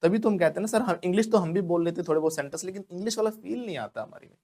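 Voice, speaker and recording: Indian guy teaching english pronunciation in a classroom, says each word again and again, fairly high voice. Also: very fast, darkish tone. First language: Hindi. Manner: drills words by repetition, often asks the class to repeat.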